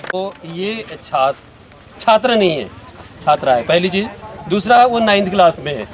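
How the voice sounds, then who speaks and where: A man's voice: high-pitched, expressive, moderate pace. A man announcing prizes at an outdoor school program, chatting and quizzing the students in a conversational way. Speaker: event announcer. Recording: loud crowd and noise outdoors.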